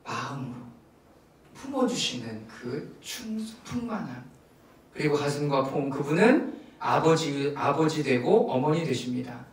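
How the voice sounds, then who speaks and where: A man's voice: a little high, measured pace. A male pastor teaching at a Friday prayer meeting, telling a story with acted asides and coaching his congregation. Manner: animated teaching with acted asides and audience prompts. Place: church sanctuary. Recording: echoey church hall, mic at a distance.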